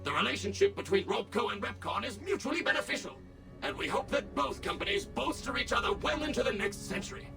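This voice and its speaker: A too-smooth cheerful android guide. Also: male voice, sits high, lively intonation, quick pace. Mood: chipper. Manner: polished, sing-song salesman politeness. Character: overly smooth, cheerful male robot tour guide. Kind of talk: video game character dialogue. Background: game music.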